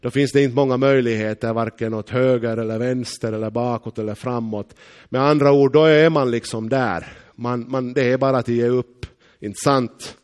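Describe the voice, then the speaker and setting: A man's voice: medium pitch, steady tone, a little mellow. Finland-Swedish man preaching a storytelling sermon. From eastern Uusimaa, Finland. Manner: storytelling, emphatic, slows down on key phrases.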